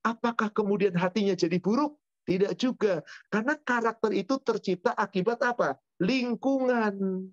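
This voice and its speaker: Fielding questions at a study session on religion, this man replies with rhetorical questions and lists he speaks aloud. He's an Islamic teacher whose voice sits high, talking at normal speed. The audio is dull, dry, lo-fi, with no room sound.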